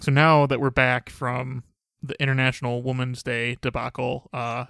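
A young man hosting a podcast, talking in a dry, monotone, sarcastic way. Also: medium pitch, normal speed, creaky, clear, resonant tone, no echo. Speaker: podcast host. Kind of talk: casual podcast banter.

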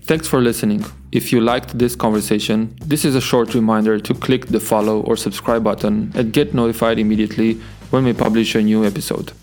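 Low, flat-voiced podcast host man. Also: faint music behind. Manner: halting, many fillers, earnest. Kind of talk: casual interview talk.

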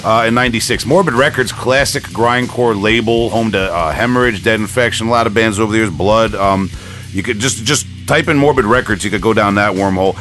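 Hosting a casual music podcast over background music, a man chatters in a rambling, enthusiastic fan's manner. His lowish voice is brisk and a bit bright.

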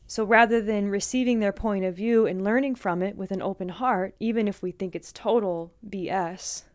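A woman yoga teacher giving a calm, earnest spoken lesson. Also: medium pitch, moderate pace, no echo.

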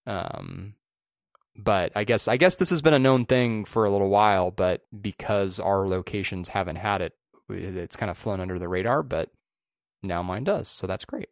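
A man's voice: on the low side, moderate pace, no echo, studio quality. A man co-hosting a podcast, chatting casually about tech news and often restarting his phrases. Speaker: podcast co-host.

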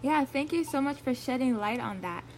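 A woman's voice: high-pitched, animated, normal speed, slight background noise. A woman hosting a podcast, asking polite questions and thanking her guest. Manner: polite, encouraging, many soft affirmations. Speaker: podcast host. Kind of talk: interview hosting.

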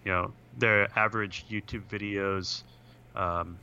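A man's voice: on the low side, steady tone, unhurried, pushed and bright, clear, resonant tone, highs cut off. A young man on a podcast, talking over a video call that keeps breaking up. He rambles with lots of "like" and "uh". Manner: rambling, full of "like" and "uh". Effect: video call audio that breaks up. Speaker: podcast co-host. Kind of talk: casual chat. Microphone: computer on a video call.

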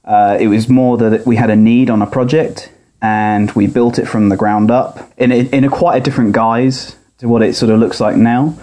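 On a podcast, a software architect guest walks through his technical work in a calm, conversational way. He has a medium-pitched, mellow voice with fairly even intonation. Recorded through a laptop's built-in audio rather than a microphone, the sound quality is poor.

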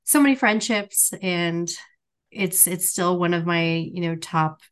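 A woman's voice: fairly low pitch, a little slow. A woman co-hosting a podcast, casually recounting favorite film scenes with lots of "like" and "um". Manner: enthusiastic, rambling, lots of "like" and "um". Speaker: podcast co-host. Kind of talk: casual book and film chat.

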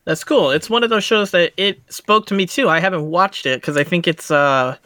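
A man's voice: sits high, moderate pace, no echo. A man co-hosting a podcast in easygoing casual chat, often saying "like" as he talks. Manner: relaxed, easygoing, uses "like" often. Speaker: podcast co-host.

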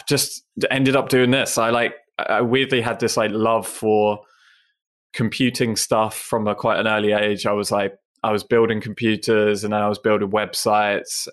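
A low-pitched English man in his thirties talks as a podcast guest. He rambles casually, peppering his answers with fillers and self-deprecating asides. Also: a bit bright. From England (Essex). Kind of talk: casual interview chat.

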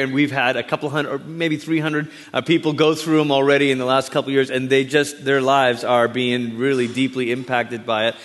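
Speaking at medium pitch, a guest preacher raised in Malaysia begins a sermon with a chatty, warm tone and plenty of friendly remarks to the congregation. The sanctuary gives his voice a long, ringing hall reverb.

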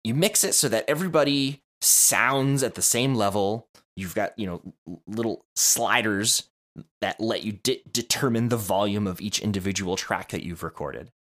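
A man's voice: on the low side, moderate pace, fairly bright tone. A man co-hosting a podcast, explaining audio production in casual chat, rambling with many restarts and self-amused asides. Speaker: podcast co-host.

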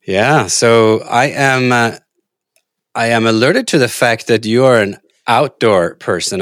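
A man from Norway, hosting a podcast interview and asking casual, halting questions. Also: medium pitch, a bit bright, no room sound, studio quality. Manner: scripted intro then casual, halting questions. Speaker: podcast host.

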